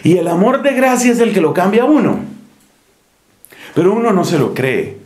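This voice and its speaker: Un hombre de Colombia, con acento colombiano, que predica en un retiro espiritual con tono conversador y humorístico, dramatizando escenas. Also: male voice, sits high, sing-song, normal speed, darkish tone. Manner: conversational, humorous, acts out scenes. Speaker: preacher leading a retreat. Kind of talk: retreat sermon. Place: monastery, indoors. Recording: echoey room.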